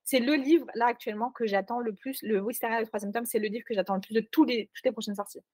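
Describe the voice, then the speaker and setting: A woman's voice: on the high side, fairly even intonation, quick pace, a little mellow, no echo. A woman co-hosting a podcast about books in a casual chat, emphatic and slangy, recorded remotely. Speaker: podcast co-host.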